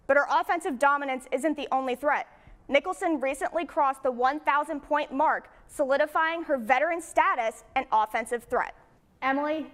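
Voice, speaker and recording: A young woman sports reporter with a slightly high, bright voice, delivering her reports in a clear and upbeat broadcast style. She moves between interview questions and anchored segments with steady energy.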